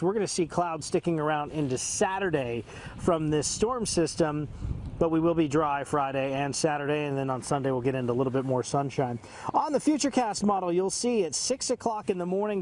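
Male TV meteorologist, thirties, slightly high voice, conversational live forecast delivery. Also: a little fast, a little mellow, a little hiss or hum. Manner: conversational, fluent broadcast delivery. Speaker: television meteorologist. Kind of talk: live weather forecast presenting. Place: outdoors in a city park.

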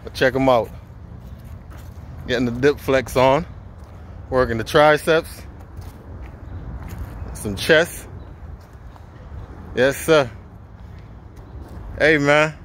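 A man's voice: mid-range voice, steady tone, extremely slow, long pauses, a bit bright, a little hiss or hum. A man hosting a casual outdoor street interview, with hyped, slangy banter. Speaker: vlogger host. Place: outdoors in a park.

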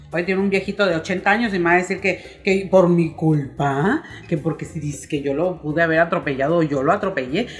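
A middle-aged woman with a Mexican accent, ranting in comic exasperation to her vlog audience, grumbling and mock-outraged. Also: sits low. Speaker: vlogger. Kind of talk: comic rant to camera.

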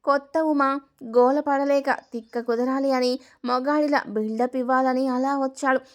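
A woman storyteller narrating a domestic family drama in a steady, expressive way. Her voice sits high. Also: a little slow.

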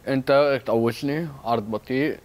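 Guy doing a full-of-himself lebanese self defense coach, mid pitch, sprinkles english words, comedy skit. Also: fairly quick, a little mellow, natural voice. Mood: cocky. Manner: mixes English words into speech, overconfident. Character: boastful bumbling male self-defense coach. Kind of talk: comedy sketch.

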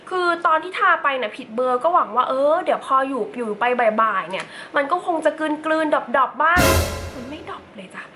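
A woman's voice: high voice, lively intonation, fairly quick, pushed and bright, faint music behind, poor audio. A young woman chatting casually through a makeup tutorial, with playful asides to her viewers. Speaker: beauty vlogger.

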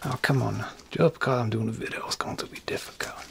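A man's voice: mid-range voice, fast talker, vocal fry, a bit bright, in a whisper. A man hosting a casual workshop vlog, rambling in a folksy, joking way to his viewers. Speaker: craft channel host. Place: indoor workshop.

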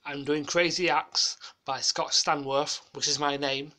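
Man, slow unhurried talk, rambling, repeats himself, casual home video intro. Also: a little high, fairly even intonation, bright, forceful tone. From South Yorkshire. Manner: rambling and repetitive. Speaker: amateur video maker.

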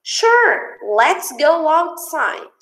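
A woman's voice: extremely high pitch, big pitch swings, a bit bright, pitched above the performer's own voice, full character voice. A woman doing a bossy mom calling her kid. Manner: slow, drawn-out, emphatic. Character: scolding mother calling her daughter. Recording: echoey room.

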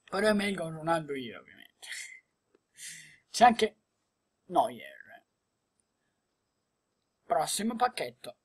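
Excitable woman, slow exclaiming gameplay commentary. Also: sits low, slightly rough. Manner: excitable, exclaiming and laughing often. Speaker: gaming video creator. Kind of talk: gameplay commentary opening card packs.

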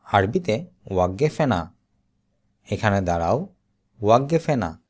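A man teaching Arabic vocabulary, saying each word slowly and then repeating it. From Bangladesh. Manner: slow, deliberate repetition with lively pitch. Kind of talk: slow vocabulary drill, each word said twice.

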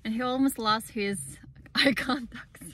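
A young woman chatting casually for a vlog in an informal, expressive way, full of exclamations. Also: measured pace. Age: young adult. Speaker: vlogger. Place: inside a car and on an open windy beach. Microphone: phone at arm's length. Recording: muffled, loud car rumble and wind noise.

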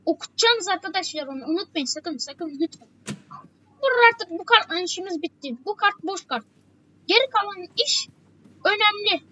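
A woman's voice: extremely high pitch, animated, moderate pace, sharp tone, dull audio, slight background noise. A woman giving a chatty game walkthrough, repeating her warnings again and again. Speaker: gameplay walkthrough host. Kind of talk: casual game tutorial commentary.

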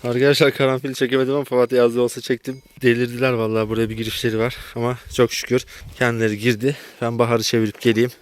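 A village vlogger from Turkey talks casually to viewers while herding animals in an outdoor pasture, chatty and often exclaiming at or scolding his animals. His voice is medium-pitched and level, and he speaks at a racing pace.

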